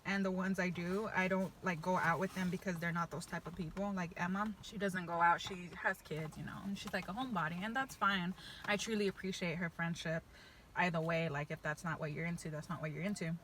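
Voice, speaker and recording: Bright-voiced young woman chatting while chewing. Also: fairly low pitch, fairly even intonation, fairly quick, a little hiss or hum, rough recording. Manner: chewing and eating while talking; slangy, chatty. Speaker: vlogger. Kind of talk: casual storytime while eating.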